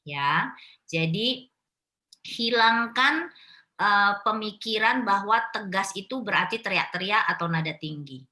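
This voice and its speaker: A middle-aged woman speaking at a parenting class, explaining patiently and gently with a steady stream of "ya" in a live question-and-answer session. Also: mid-range voice, measured pace. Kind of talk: live online Q&A advice.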